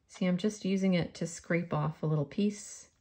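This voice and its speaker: A woman's voice: fairly low pitch, moderate pace, mellow. A woman with a faint New York accent giving a friendly step-by-step polymer clay crafting tutorial.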